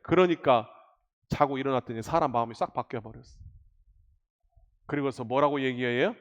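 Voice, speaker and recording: A male pastor preaching a midweek sermon, animated and constantly questioning his congregation. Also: medium pitch, moderate pace, lo-fi sound. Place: church sanctuary. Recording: echoey church hall.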